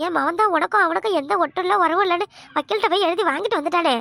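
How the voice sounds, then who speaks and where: A shrill, gravelly village mother-in-law, voiced by a woman with a Kanyakumari Tamil accent, firing off scornful insults at speed. Her voice is sharp and very high, recorded close and dry, like a cartoon comedy dub. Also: rapid-fire, no room sound, heavily acted. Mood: scolding. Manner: scornful, scolding, harsh insults.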